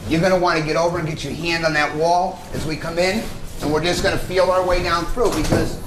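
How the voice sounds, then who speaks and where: In an echoey space with faint noise, a man briefs like a fire chief. He talks quickly in practical steps, repeating his directions. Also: a little high, level tone. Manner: repetitive, step-by-step directions. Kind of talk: instructional walk-through and briefing.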